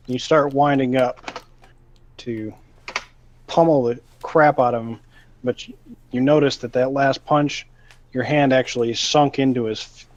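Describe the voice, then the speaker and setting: Slow-talking man running a tabletop game. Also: medium pitch, a little mellow. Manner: slow, halting narration with fillers. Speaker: game master. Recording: dull lo-fi sound.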